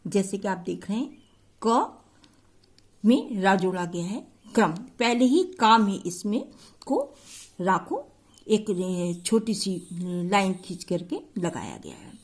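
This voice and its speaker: A woman's voice: mid-range voice, very animated, slow pace. A woman teacher explaining a school grammar lesson step by step to her pupils.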